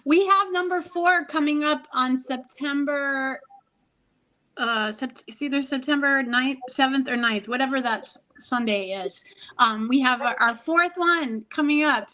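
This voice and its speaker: A woman's voice: high voice, a little slow, bright, forceful tone, rough recording. A woman co-hosting an entertainment podcast, her voice sitting well above the usual range. She chats loosely, full of "um"s and small restarts. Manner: chatty, with frequent "um" and restarts. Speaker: podcast co-host. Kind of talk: casual chat.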